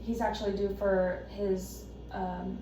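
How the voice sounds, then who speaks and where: A woman playing an anxious, devoted wife who explains herself haltingly and defensively in a counselling role-play. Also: medium pitch, level tone, lightly acted. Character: anxious, devoted wife caring for her husband. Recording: echoey room, distant mic, noisy background.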